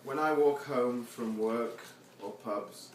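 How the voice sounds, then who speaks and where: A man with a medium-pitched voice reads his own poems slowly at a live venue before a seated audience. He introduces them informally, with wry, self-deprecating humour. The recording is echoey and noisy, captured from far away.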